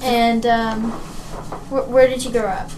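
A woman's voice: a little high, flat delivery, a little slow, darkish tone, slight background noise, low-quality recording. A woman co-hosting a radio interview show, asking questions and giving short affirmations. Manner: friendly, many short affirmations. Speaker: co-host.

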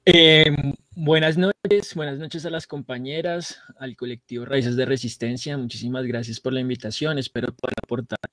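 A man's voice: medium pitch, fairly even intonation, normal speed, a bit bright, no echo. A man, a teacher and political scientist joining a panel by video call, his audio choppy and breaking up as he checks whether he can be heard. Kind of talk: online panel talk. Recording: muffled, lo-fi call line.

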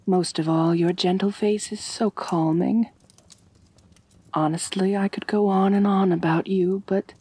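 Tender and doting, the woman behind this intimate ASMR roleplay plays a rich, ancient vampire mistress with genteel, measured poise and a gently dominant touch. Her voice is soft and breathy at a fairly low pitch, captured in a dry recording.

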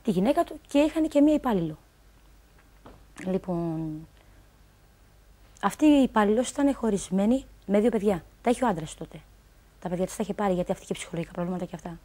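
A woman's voice: mid-range voice, animated, long pauses, dark tone. A woman telling a personal story on a talk show, rambling along, quoting what others told her and filling gaps with stock phrases.

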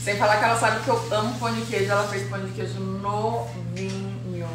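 A woman's voice: mid-range voice, little pitch movement, brisk, background noise. A young woman talking casually and playfully while filming on a country estate. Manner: chatty, playful. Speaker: vlogger. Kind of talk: casual vlog chat.

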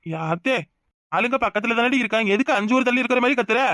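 A woman voicing a sharp-tongued village mother-in-law in a cartoon, bossy and cutting, with a southern Tamil Nadu village accent. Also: a little high, expressive, fast talker, no echo, clean studio sound.

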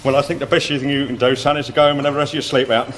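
A man's voice: medium pitch, flat delivery, racing, a bit bright, slight background noise, close to an everyday voice. An actor playing a smug, petty bus depot inspector in a 1970s TV sitcom. He talks with an English accent, gloats and mocks, and chuckles as he goes. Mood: gloating.

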